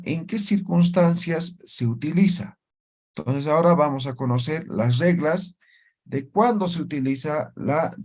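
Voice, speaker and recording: Slow, deliberate male language teacher. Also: a little high, a little mellow. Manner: slow, deliberate, checks in with tag questions. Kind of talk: explaining a language lesson.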